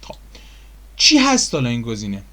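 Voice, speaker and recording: A man casually explaining software menus in a screen-recorded tutorial, chatty and full of fillers. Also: medium pitch, wildly swooping pitch. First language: Persian.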